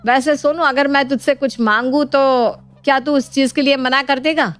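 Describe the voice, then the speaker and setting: A woman's voice: high-pitched, steady tone, normal speed, a bit bright, pitched above the performer's own voice. A woman voicing a stern, caring older mother-in-law in a cartoon story, commanding and scolding. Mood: coaxing.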